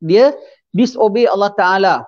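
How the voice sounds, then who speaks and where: The audio is dull, and the preacher's high voice moves at a measured pace. Throughout his sermon he mixes in English phrases and asks the audience questions before answering them himself.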